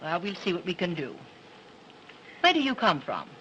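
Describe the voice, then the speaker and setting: A woman's voice: fairly low pitch, wildly swooping pitch, normal speed, a bit bright, dull audio, a little hiss or hum. Motherly neighborhood house worker, early talkie. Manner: kindly, fussing, reassuring. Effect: early 1930s talkie film sound. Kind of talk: 1930s film acting.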